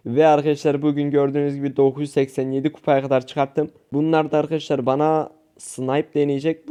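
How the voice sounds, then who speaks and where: A young man commenting live on his own gameplay for his channel, animated, talking to viewers and shouting at teammates. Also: medium pitch, clean tone. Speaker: gaming youtuber.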